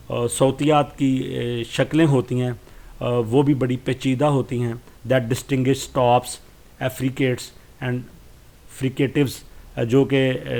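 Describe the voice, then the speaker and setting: A man with a Pakistani accent giving a study lesson. He reads English lines slowly and explains them, pausing often with fillers. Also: mid-range voice, gravelly, darkish tone. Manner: slow, deliberate reading with hesitant fillers. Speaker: lecturer.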